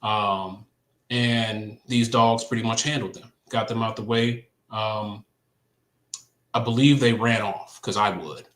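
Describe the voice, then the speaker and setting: Casting note: man, low voice, hesitant storyteller who keeps restarting, echoey room. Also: fairly even intonation, a bit bright. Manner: halting, many ums and restarts. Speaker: co-host. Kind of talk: casual faith chat, recounting a dream.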